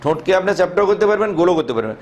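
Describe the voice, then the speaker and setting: A man's voice: high voice, sing-song, rapid-fire, a little hiss or hum. A man teaching how to pronounce Arabic letters, asking questions and answering them himself, drawing out each letter's sound. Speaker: Quran teacher.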